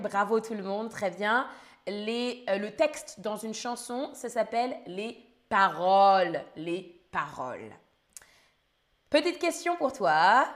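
Slightly hoarse woman teaching slowly. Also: on the high side, fairly bright tone. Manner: slow, carefully articulated, spells words letter by letter. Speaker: French teacher for learners. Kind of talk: live-streamed language lesson quiz.

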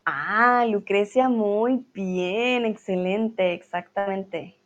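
A woman's voice: medium pitch, extremely slow, highs cut off. A woman teaching a live online grammar lesson, patiently reading out student comments and correcting them. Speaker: Spanish teacher.

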